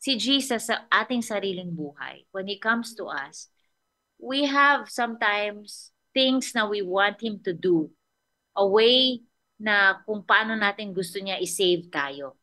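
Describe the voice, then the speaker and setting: Bright-voiced Filipino woman pastor. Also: medium pitch, lively intonation, slow. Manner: conversational, mixing English and Tagalog, checks in with "okay?". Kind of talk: sermon.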